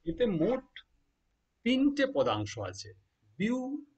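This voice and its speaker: A man's voice: medium pitch, very animated, a little slow, husky. A man teaching a lesson, spelling words out letter by letter and answering his own questions. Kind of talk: explaining a lesson to students.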